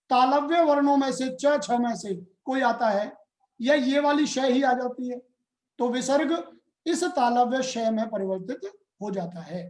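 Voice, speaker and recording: A man gives a grammar lesson at an unhurried, measured pace. He breaks each rule into small steps and asks his students questions as he goes. His voice carries a roomy echo. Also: very high-pitched, a little mellow. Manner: slow, deliberate explaining with questions to students. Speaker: Hindi grammar teacher. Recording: roomy echoey room.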